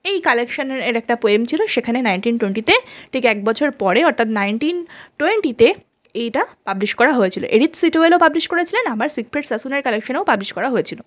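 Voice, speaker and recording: A woman teacher giving a lecture, reading English notes slowly and then explaining them, often checking that students follow. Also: on the high side, lively intonation. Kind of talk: classroom lecture.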